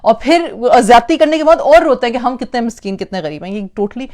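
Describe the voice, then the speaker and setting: A woman's voice: fairly high pitch, lively intonation, fairly quick, darkish tone. A woman giving an emphatic parenting talk, repeating phrases for stress and mixing in English words. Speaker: parenting speaker. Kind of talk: lecture on parenting.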